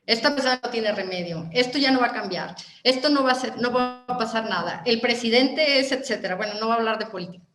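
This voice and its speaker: A woman with a Mexican Spanish accent giving a motivational talk, animated and asking her listeners question after question. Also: on the high side, quick pace, echoey room, faint music behind. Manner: animated, asks the audience many questions. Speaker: motivational speaker.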